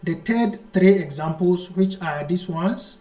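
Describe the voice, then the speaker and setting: High-voiced man teaching grammar in an echoey room. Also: mellow. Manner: slow, repetitive explanation, mixing English with read-out Arabic; reads the Arabic text quickly, then translates it slowly. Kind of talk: classroom lesson explaining and translating a text.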